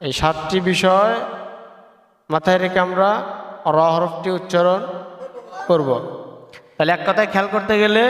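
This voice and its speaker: A man's voice: high-pitched, fairly bright tone. A man teaching a recitation lesson for beginners. He drills points by asking questions and answering them himself. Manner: repetitive drilling, asks and answers own questions. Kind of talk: teaching lesson with call and response. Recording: echoey room with long reverb.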